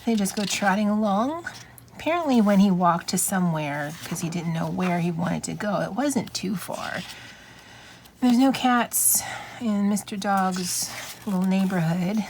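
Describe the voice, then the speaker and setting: A craft channel host, a woman with a mid-range voice, talks a little slowly as she flips through a craft book, musing casually and adding wry asides. The recording is clear, with steady background noise.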